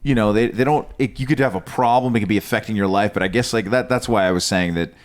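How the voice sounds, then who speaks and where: A man chatting casually as a podcast co-host, haltingly, repeating words as he thinks. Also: lowish voice. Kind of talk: casual chat.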